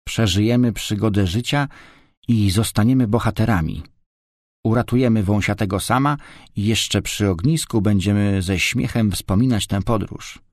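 A man's voice: on the low side, darkish tone, no echo, clean studio sound, natural voice. A man reading a storybook, voicing a bold, bossy young girl who gives orders. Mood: stern. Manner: brisk and commanding.

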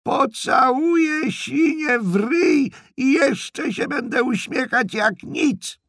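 A man voicing a deaf ninety-three-year-old woman who yells her weather predictions at the top of her lungs, in an audiobook reading. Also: extremely high pitch, takes it slowly, vocal fry, dry recording, clean studio sound, pitched above the performer's own voice, heavily acted. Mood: shrieking. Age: 90s.

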